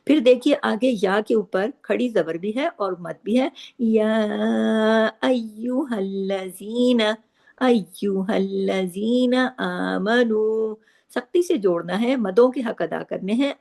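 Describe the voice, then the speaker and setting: A woman teaching the rules of Quran recitation. She explains each rule patiently and recites the words slowly, drawing out the sounds. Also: medium pitch, animated, gravelly, a little mellow. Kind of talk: tajweed lesson, explaining and reciting.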